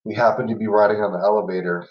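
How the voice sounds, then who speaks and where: A young man tells loose, filler-heavy anecdotes in a casual podcast chat, laughing through the funny parts. His voice sits low. He sounds set back from the mic in a roomy space with a dull, lo-fi tone. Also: fairly even intonation, racing, distant mic. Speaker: podcast co-host.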